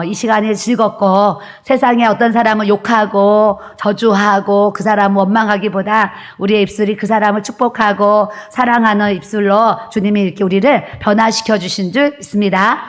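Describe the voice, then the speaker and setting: Korean woman pastor preaching earnestly. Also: medium pitch. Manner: earnest preaching with frequent "uh" fillers. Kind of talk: sermon. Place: church sanctuary.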